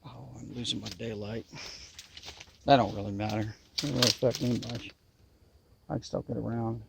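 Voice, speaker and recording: This outdoor video maker, a man with a medium-pitched voice and vocal fry, chats casually to camera from the river bottoms. He speaks at a normal speed with fairly even intonation, in a folksy Southern US drawl carrying a nasal twang, and background noise can be heard.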